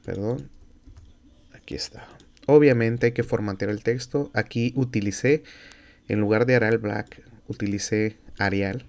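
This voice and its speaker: A man with a Mexican Spanish accent teaching a software tutorial as a university instructor, explaining each step aloud with fillers and self-corrections. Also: fairly low pitch, fairly even intonation, unhurried, gravelly. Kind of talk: screen-recorded software tutorial.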